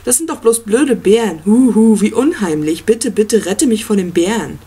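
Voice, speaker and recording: A reader voicing an angry, tormented young boy in an audiobook, speaking loud and raised. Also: mid-range voice, brisk, slightly rough, pitched above the performer's own voice. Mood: angry, mocking. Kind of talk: audiobook reading.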